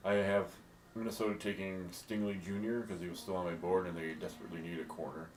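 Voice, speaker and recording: A man in a casual discussion, thinking out loud in a relaxed way. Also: sits low, quick pace. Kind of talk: casual draft pick discussion. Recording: echoey room with faint hiss.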